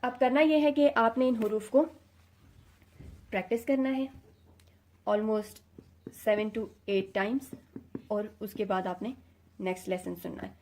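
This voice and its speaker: A woman's voice: fairly high pitch, long pauses, darkish tone. Patient woman teaching letter sounds. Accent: Pakistani Urdu. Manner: mixes English words into Urdu. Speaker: Quran recitation teacher. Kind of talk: explanatory lesson, addressing students.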